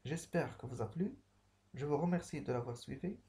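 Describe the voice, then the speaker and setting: A man's voice: fairly high pitch, animated, normal speed, dark tone. A man teaching a grammar lesson to pupils, patiently repeating each key phrase.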